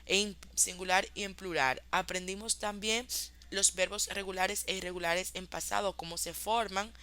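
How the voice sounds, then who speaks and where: Woman teacher, clear bright tone, patient review of course modules. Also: mid-range voice, steady tone. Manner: explains in Spanish, slowly models English examples. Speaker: English teacher. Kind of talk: online class review.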